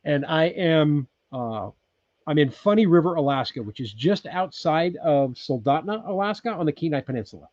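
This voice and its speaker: A Californian in his sixties streams from his off-grid cabin, chatting loosely over viewer comments with frequent ums and restarts. His slightly high, a little mellow voice has lively intonation at a normal pace. The recording is dry and lo-fi.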